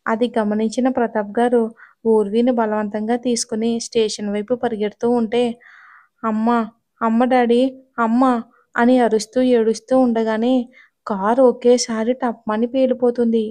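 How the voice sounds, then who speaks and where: Female narrator for a serialized audio story; measured and steady, fairly high, little pitch movement. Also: no room sound.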